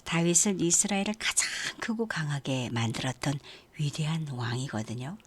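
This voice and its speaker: A woman with a low, husky voice tells a Bible story to young listeners in a sermon. Her delivery is gentle and storytelling, and she pauses to ask questions. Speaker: youth ministry preacher.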